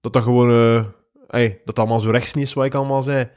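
A man's voice: mid-range voice, little pitch movement, fast, a little mellow, clean tone. A young man with a Flemish accent, teasing his co-host with ironic banter in a casual podcast chat.

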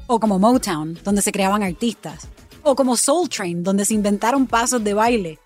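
A Puerto Rican woman narrates a documentary podcast in a measured, scripted storytelling voice. Her pitch sits in an ordinary middle range. Faint music plays underneath her. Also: expressive, darkish tone. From Puerto Rico.

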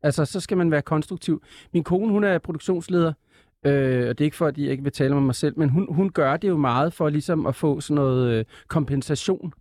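A man, a TV presenter, chatting as a guest in an interview, animated and full of stammering restarts. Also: on the high side, no echo. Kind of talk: casual interview chat.

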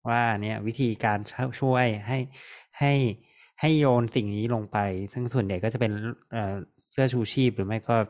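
A man's voice: mid-range voice, moderate pace, a little mellow. A man co-hosting a casual podcast chat, speaking hesitantly, repeating words and humming along. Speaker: podcast co-host.

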